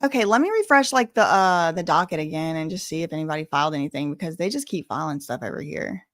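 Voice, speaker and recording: Her voice runs low but lively, quick-paced and fairly bright, as the Louisiana-born host answers viewer messages on a relaxed live stream with plenty of colloquial sass. The recording is dry.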